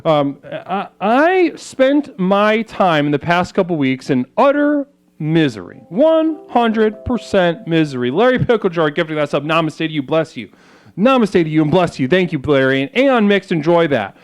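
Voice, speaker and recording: A man's voice: on the high side, clean tone. A man hosting a live stream as a self-styled spiritual leader, in a rambling comedic monologue that is mock-solemn, full of stammers and crude asides. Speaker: host of a mock spiritual livestream.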